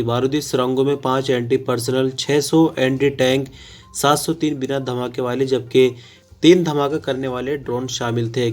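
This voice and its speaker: A man presenting an online news bulletin as voice-over, reading his script in a steady, even way. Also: mid-range voice.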